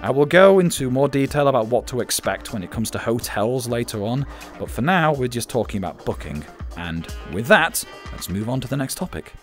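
A man's voice: medium pitch, very animated, brisk, soft background music. A man narrating a scripted guide in an instructive way, stressing his key points. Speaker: channel host giving advice.

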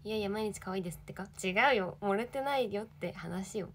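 A woman's voice: mid-range voice, fairly quick, a little hiss or hum. A young woman in her twenties, an idol livestreaming, chatting casually and reading viewer comments with giggly, bubbly energy.

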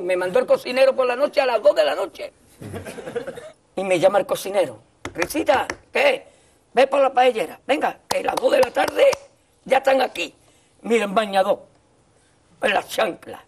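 A man's voice: high-pitched, gravelly, a little hiss or hum. A middle-aged man telling an anecdote as a guest on a TV talk show, acting out the dialogue he quotes. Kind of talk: anecdote told in a TV interview. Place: TV studio set with a desk. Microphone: desk microphone.

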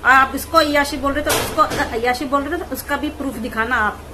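A woman vlogger giving mocking, scolding commentary on clips in rapid rants. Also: sits high, background noise.

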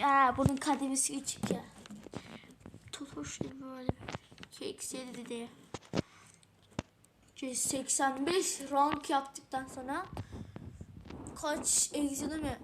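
A woman giving casual, excitable gameplay commentary, swearing often and talking to herself as she plays. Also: high-pitched, noisy background. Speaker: gamer playing a mobile game.

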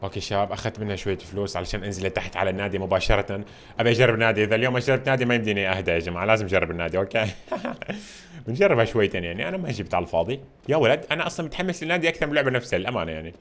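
A man giving casual, excitable commentary while playing a video game, talking to his viewers all the time. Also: on the low side, rapid-fire. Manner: excitable, chatty, addresses viewers constantly.

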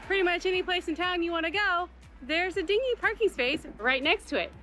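A woman in her thirties vlogging outdoors with a camera at arm's length, chatty and quick to laugh at herself. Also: very high-pitched, sharp tone, poor audio. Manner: chatty, self-mocking, laughs often. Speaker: travel vlogger. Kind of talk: casual vlog chat. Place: outdoors on a sunny island street and dock. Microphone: handheld camera at arm's length. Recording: music bed under outdoor vlog. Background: background music.

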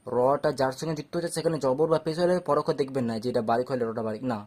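A man teaching a step-by-step recitation lesson, patiently repeating each rule and sounding out letters slowly for his students. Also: mid-range voice, fairly even intonation, darkish tone.

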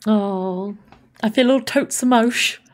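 A woman's voice: fairly high pitch, slow. A woman streaming a life-simulation game, chatting casually and gushing thanks to her viewers. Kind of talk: casual gameplay live stream chat.

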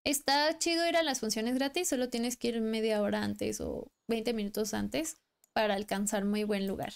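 A woman's voice: fairly high pitch, steady tone, normal speed, creaky, clear, resonant tone. A young woman with a Mexican accent, chatting casually and rambling while streaming a game. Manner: chatty, rambling, laughs often. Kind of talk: casual live-stream chat. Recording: faint music behind.

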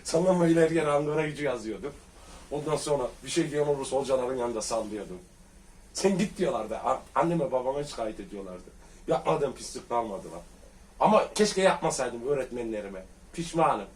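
A man's voice: medium pitch, animated, brisk, darkish tone. A man telling rowdy childhood school stories in casual chat with friends, laughing often and acting out the old exchanges. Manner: boisterous storyteller, laughs often. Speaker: comedian recalling school days. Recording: distant mic, faint background noise.

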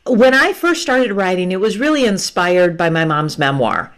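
Fairly low-pitched but animated, at normal speed, this guest author in her fifties joins a conversational interview by video call. She explains things patiently and laughs a lot, talking through an earphone mic from a room with bookshelves.

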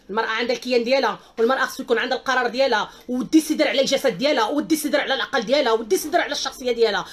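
Hosting a live stream, a woman with a Moroccan accent reads out viewer comments. Her voice is a little high and fairly bright, and she speaks in an outspoken, emphatic way, exclaiming repeatedly.

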